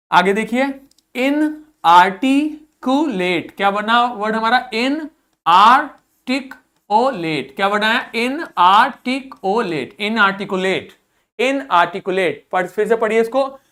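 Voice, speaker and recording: Her voice is medium-pitched and fairly bright as this Indian-accented woman leads an English vocabulary lesson. She drills each word's pronunciation through repetition and asks students questions only to answer them herself.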